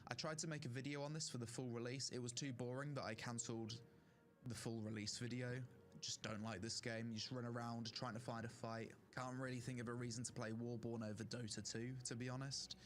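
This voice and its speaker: A man's voice: medium pitch, flat delivery, a little fast. Young man, gaming streamer, strained throat, casual opinionated talk, faint hiss behind. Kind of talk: casual tier-list commentary.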